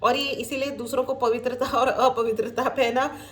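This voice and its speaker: A woman's voice: fairly high pitch, fairly even intonation, moderate pace. A woman giving a spiritual tarot reading, mixing English into her talk and speaking straight to her viewers as friends. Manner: mixes Hindi with English, addresses viewers as friends, warm reassuring asides. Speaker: tarot reader. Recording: echoey room with faint background noise.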